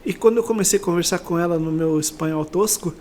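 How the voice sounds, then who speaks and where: A middle-aged Brazilian man, a company sales director, appears as an interview guest and shares personal motivational stories. His voice is a little high, fast and darkish, with a slight hiss or hum in the audio. He talks reflectively and conversationally, often checking that the listener agrees.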